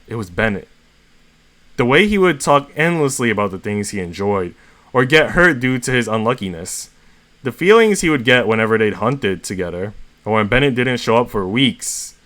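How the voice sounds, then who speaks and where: A man's voice: mid-range voice, very animated, moderate pace, fairly bright tone. A man reading a fan fiction story aloud as a narrator. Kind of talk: story reading with acted dialogue.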